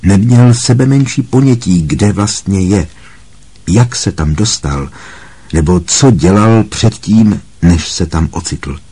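Man, deep voice, husky, measured dramatic audiobook narration. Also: mellow. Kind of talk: scripted narration.

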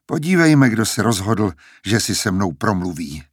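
A man's voice: lowish voice, sing-song, breathy edge, dry recording, studio quality. A man voicing a brash, jealous young man who taunts and sneers, in an audiobook reading. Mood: cocky.

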